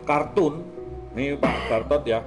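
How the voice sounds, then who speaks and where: A man with a Javanese-accented Indonesian hosts an art talk show, rambling casually in a chatty, colloquial way and often ending remarks with little questions. His voice is medium-pitched and unhurried, with music playing behind him.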